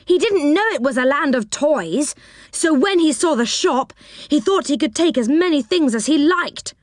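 A woman voicing an excitable little magical man in a storybook reading, eager and fussy. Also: high voice, moderate pace, no room sound, studio quality, pitched above the performer's own voice.

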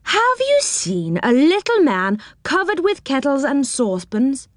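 Moonface, a woman doing a high eager little man. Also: big pitch swings, measured pace, dry recording, clean studio sound.

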